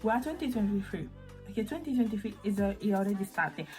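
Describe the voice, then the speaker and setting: A woman's voice: medium pitch, expressive, quick pace, a little mellow, faint music behind, poor audio. A young woman from Italy in a casual opinion vlog, chatty and rambling with many restarts. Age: young adult. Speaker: vlogger. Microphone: phone mic.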